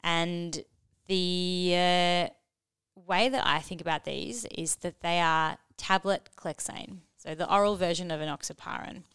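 A woman with a very clear, resonant voice, slightly low and often creaky at the edges. She explains in an informal, conversational teaching style, as a host would. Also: steady tone, unhurried, a bit bright, no echo. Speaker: podcast host and medical teacher. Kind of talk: casual educational discussion.

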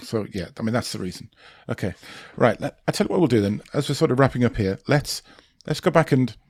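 A man's voice: mid-range voice, lively intonation, fast, creaky, a little mellow, dry recording. A man hosting a conversational interview podcast, thinking aloud and rephrasing as he goes. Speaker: podcast host.

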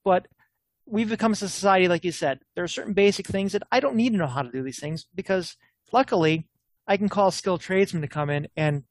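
A man talking bluntly in a casual political chat, quick and opinionated with frequent restarts. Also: fairly high pitch, no room sound.

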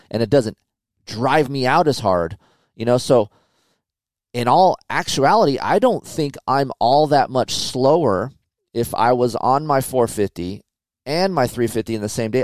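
A middle-aged man hosting a motocross podcast, loose and blunt, swearing as he talks. His voice is mid-pitched and sounds dry and close to the mic, with almost no room around it. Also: dry recording. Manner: blunt, profane, conversational. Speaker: podcast host and motocross tester. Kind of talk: casual chat.

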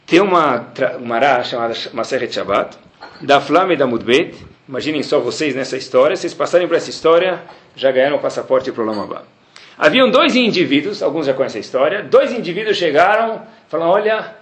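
A man teaching a Talmud class, telling the story animatedly and acting out the characters in quick voices. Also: a little high, reverberant. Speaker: Torah teacher giving a class.

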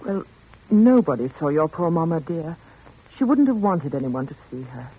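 Casting: tender, troubled heroine, very husky, animated delivery, vintage radio suspense, tinny phone-like recording. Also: female voice, low voice, moderate pace, heavily acted. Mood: tender, pleading. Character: earnest, tender, troubled woman pleading for children. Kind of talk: 1940s radio suspense acting. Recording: tinny, band-limited 1940s radio recording.

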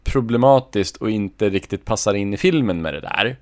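A man co-hosts a film podcast, talking in a relaxed, musing way. His voice sits somewhat low for a man. The chat is easygoing and unhurried. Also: no echo, studio quality. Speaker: podcast co-host. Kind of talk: casual film discussion.

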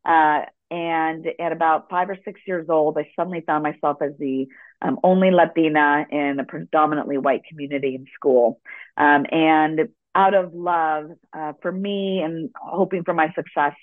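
A woman's voice: low-pitched, steady tone, moderate pace, no room sound. A middle-aged American-born woman, a guest telling her story in an earnest, reflective way. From United States. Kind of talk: conversational interview. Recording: dry, tinny phone line.

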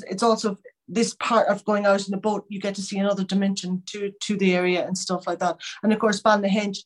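A woman from Connemara with a west of Ireland accent, giving chatty, detailed interview answers as a local tour guide. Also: mid-range voice.

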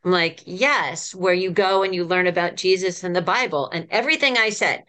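A woman in her fifties with a fairly low, slightly bright voice speaks at a moderate pace. A children's ministry professor, she tells stories earnestly and enthusiastically as a guest in a podcast conversation.

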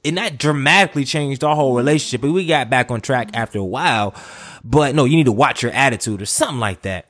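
A man's voice: mid-range voice, fast talker, fairly bright tone, no room sound. Rambling male podcast host, dry sound. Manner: rambling, many restarts and asides. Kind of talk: casual interview talk.

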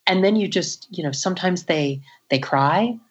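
A woman's voice: lowish voice, lively intonation, moderate pace, husky, lo-fi sound. A woman audiologist telling a story in an interview, earnest and reflective, with frequent "you know" fillers.

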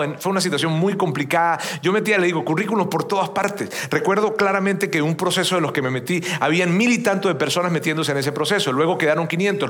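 A man's voice: fairly high pitch, a bit bright. A man in his fifties from Venezuela, a pastor giving a conversational sermon to his congregation, often repeating words and checking in with "you know?". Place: church before a congregation.

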